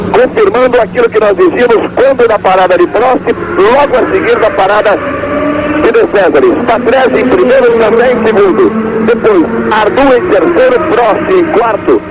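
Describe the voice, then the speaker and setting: A Brazilian man doing live motorsport commentary, calling race positions and timings as a TV commentator. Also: high-pitched. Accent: Brazilian Portuguese. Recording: loud engine and car noise. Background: racing cars and engine noise.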